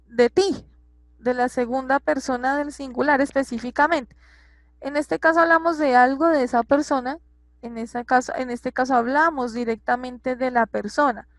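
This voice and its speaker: A woman's voice: on the high side, dry recording. A woman teacher explaining a grammar lesson patiently, repeating examples and checking that her students follow.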